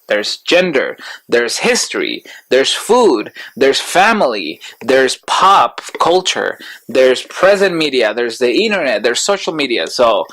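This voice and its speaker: A man's voice: mid-range voice, poor audio. Laughing man chatting over lunch. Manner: lively, laughs often, trails off and restarts. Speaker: podcast co-host. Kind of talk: casual chat over lunch.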